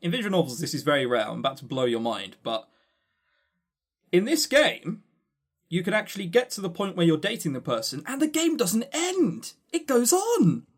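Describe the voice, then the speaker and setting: In a high, sing-song voice at normal speed, a male podcast co-host chats casually and rambles over award lists. The humour is dry and sarcastic, peppered with casual swearing.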